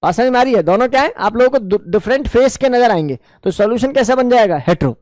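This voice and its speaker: A very high-pitched, animated man with a darkish tone talks fast as he lectures a chemistry class in Hindi blended with English terms. He asks his students questions and answers them himself, coaxing and affectionate. There is no room sound.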